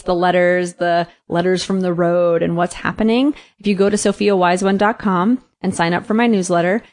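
Female podcast host. Slightly low register, intimate and contemplative, spiritual phrasing delivered in short thoughtful pieces. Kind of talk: intimate spoken podcast monologue.

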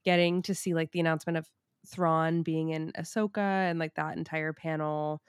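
Low-voiced woman chatting excitedly. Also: moderate pace, clean tone, dry recording, clean studio sound. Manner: excited, chatty, laughs often. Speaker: podcast host. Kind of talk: casual chat.

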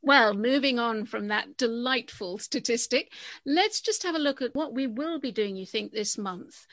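A woman's voice: on the high side, animated, moderate pace, a bit bright. Chatty woman hosting a gardening podcast. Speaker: podcast host. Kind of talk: casual chat.

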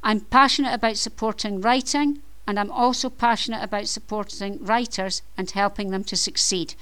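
A middle-aged Scottish woman with a Scottish accent, a podcast host and author, reads a scripted introduction to her own podcast in an upbeat, chatty way, adding playful self-deprecating asides. Her medium-pitched voice is steady, sharp and smooth, at a moderate pace.

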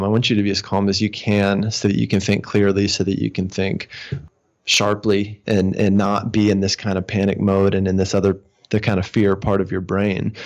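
A man who coaches therapists on their practices, speaking calmly and reflectively in an interview, often restarting his sentences. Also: lowish voice, lo-fi sound. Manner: calm, reflective, with frequent restarts and fillers. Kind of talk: casual interview talk.

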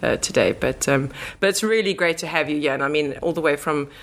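A woman with a low voice and a South African accent speaks briskly as a guest on a casual podcast interview. She is a marketing manager and chats informally.

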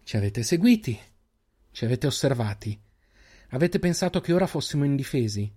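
A man's voice: medium pitch, very animated, normal speed, mellow, slightly rough. A man voicing a tough, defiant young huntress in an audiobook, speaking in tense, clipped phrases.

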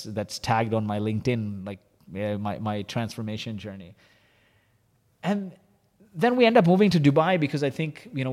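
Male interview guest, founder, candid animated storyteller, mid pitch, long reverberant hall. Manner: animated, confessional, heavy use of "like" and "you know".

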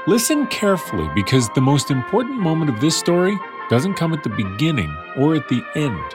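A man's voice: a little high, big pitch swings, brisk, music in the background. A man narrating a scripted story in a conversational way, with wry asides to the listener. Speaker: podcast narrator.

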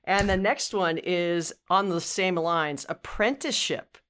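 A woman's voice: on the low side, unhurried, fairly bright tone, clean tone. A woman in her fifties hosting a podcast interview, upbeat and chatty, often saying "you know" and restarting her sentences. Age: 50s. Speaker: podcast host.

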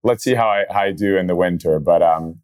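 A young man from Brazil, a startup founder, telling his story in a relaxed interview with many fillers. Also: low voice, fairly quick, smooth. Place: outdoor event venue.

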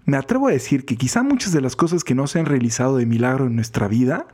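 Mexican priest talking thru a gospel reflection, husky voice, chatty and jokey. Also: male voice, medium pitch, animated, quick pace, warm tone. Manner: chatty, laughs often, acts out quoted voices. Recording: podcast voice recording.

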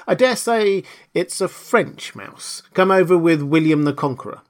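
A man's voice: a little high, animated, unhurried, pitched above the performer's own voice. A man voicing a polite, chatty little girl in a storybook, earnest, eager and a bit dreamy. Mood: curious musing. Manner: eager, apologetic, musing. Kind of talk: storybook character voice.

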